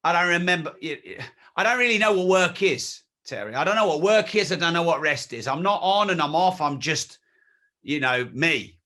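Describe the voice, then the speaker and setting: A man's voice: a little high, animated, moderate pace, bright, forceful tone. A man in his forties, a guest in an interview, talking bluntly and emphatically and swearing freely. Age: 40s. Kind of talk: candid conversational interview.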